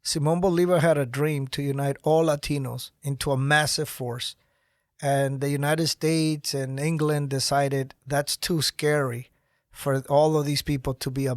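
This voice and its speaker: A middle-aged man speaking as a guest in a podcast studio interview, talking with energy and animated conviction. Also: mid-range voice, no echo. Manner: energetic, gestures while talking. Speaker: guest, nonprofit founder. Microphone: studio mic on boom arm.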